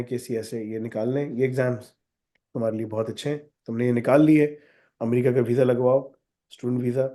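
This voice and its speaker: A man's voice: mid-range voice, dark tone. Man with a sore throat answering questions. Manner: direct, switches to English for emphasis. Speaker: college founder answering questions. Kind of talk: live Q&A session.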